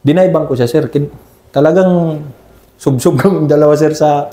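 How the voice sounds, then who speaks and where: A mellow-voiced man recounts combat memories in a respectful, unhurried way. He tacks "sir" onto almost every phrase. The sound carries a roomy echo. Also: fairly high pitch. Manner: deferential, ends nearly every phrase with "sir". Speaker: army scout ranger team leader. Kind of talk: conversational war story interview.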